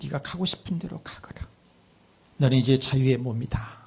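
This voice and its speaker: A man voicing a kindly old gentleman who speaks in a gentle, fatherly way while telling a story in a sermon. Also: mid-range voice, normal speed, vocal fry, breathy edge, pitched below the performer's own voice.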